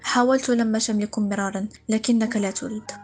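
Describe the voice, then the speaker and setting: A woman's voice: on the high side, steady tone, brisk, darkish tone, faint music behind, lightly acted. A woman voicing a firm, remorseful older headmistress in a read-aloud story, speaking insistently. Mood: firm, apologetic.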